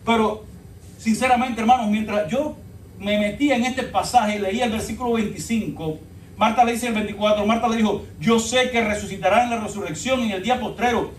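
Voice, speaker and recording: A man's voice: high-pitched, a little fast, a little hiss or hum. A man preaching a sermon as pastor, telling the story dramatically and calling the congregation brothers. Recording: echoey church from far off.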